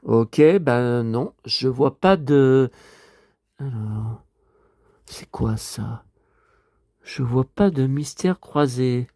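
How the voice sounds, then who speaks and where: A man's voice: mid-range voice, extremely slow, long pauses, mellow, no echo, clean studio sound. A man vlogging casually to his viewers, rambling and muttering with mild swearing as he talks from home in front of a TV.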